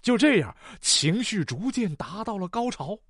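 A man's voice: sits high, moderate pace, slightly rough, no room sound, studio quality. A man with a Northeastern Mandarin accent telling comic jokes and jumping between character voices. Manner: animated, switches voices, jokey. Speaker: joke teller.

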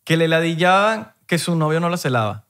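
A man's voice: a little high, lively intonation, fairly quick, fairly bright tone. A young man with a Venezuelan accent chatting casually on a podcast and giving blunt opinions in slang. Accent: Venezuelan Spanish. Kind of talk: casual chat.

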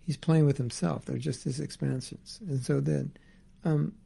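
A man's voice: medium pitch, fairly even intonation, moderate pace, vocal fry, dark tone, slightly rough. A man teaching a scripture class, reading passages aloud and explaining them in casual asides. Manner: reads a passage then comments in casual asides.

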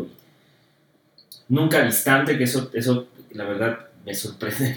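Low-voiced man, reflective and hesitant. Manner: reflective, hesitant, many fillers. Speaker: interviewer. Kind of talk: casual conversation about faith. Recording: roomy echo, distant mic.

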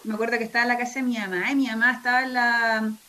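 A woman's voice: fairly high pitch, racing. A young woman with a Chilean accent, chatting casually as a podcast co-host, full of slang and swearing. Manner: slangy, swears freely, animated storytelling. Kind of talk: casual chat.

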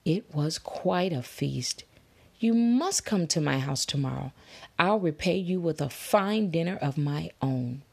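A woman doing a timid, high stork. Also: animated, measured pace, gravelly, slightly rough, full character voice. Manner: shy, hesitant and gracious. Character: timid, polite female stork.

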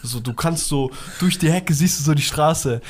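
A man's voice: on the high side, moderate pace, slight background noise. A man co-hosts a casual podcast. He tells stories playfully, in slang, with laughter running through them. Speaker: podcast co-host. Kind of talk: casual storytelling chat.

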